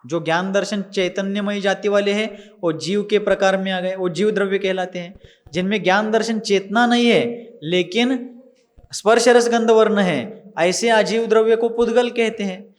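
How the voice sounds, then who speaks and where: A man's voice: high-pitched, fairly even intonation, moderate pace. A man teaching a religious text, patiently drilling pronunciation word by word and then explaining each term. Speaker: scripture teacher.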